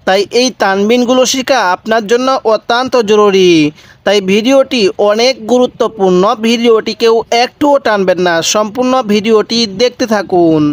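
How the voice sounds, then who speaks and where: A man's voice: high voice, normal speed, no echo. A male Quran reading teacher from Bangladesh giving a step-by-step recitation lesson and repeating drills for the viewer to recite along.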